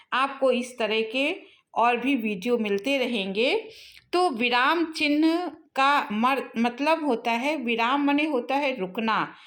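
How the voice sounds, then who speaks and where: Slow-talking Hindi grammar teacher woman. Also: a little high, a bit bright. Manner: slow, explanatory, addresses students directly. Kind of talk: exam-prep grammar lesson.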